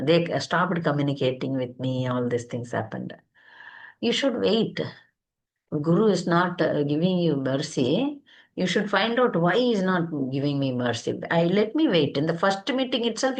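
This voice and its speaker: Lower-pitched South Indian-accented woman. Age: middle-aged. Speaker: senior devotee and preacher. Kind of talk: informal spoken testimony.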